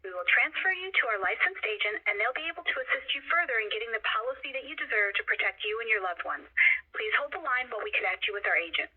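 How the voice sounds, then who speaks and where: A woman telemarketer rushing through a scripted call over the telephone. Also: fairly high pitch, animated, husky. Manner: rushed, reciting a script. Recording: muffled telephone line.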